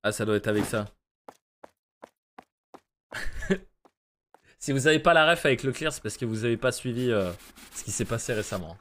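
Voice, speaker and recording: A man's voice: mid-range voice, moderate pace, long pauses, a bit bright, a little hiss or hum. A young man commentating a horror game, joking crudely and putting on silly voices for the characters. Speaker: gaming streamer. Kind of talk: casual let's play commentary.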